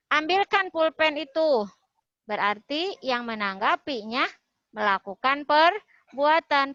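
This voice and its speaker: Woman teacher on an online class, higher voice, dry close sound, patient step-by-step explaining. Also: bright, forceful tone, dry recording. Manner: explains step by step, repeats key points. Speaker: Indonesian language teacher. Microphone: video call. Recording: dull lo-fi video call audio.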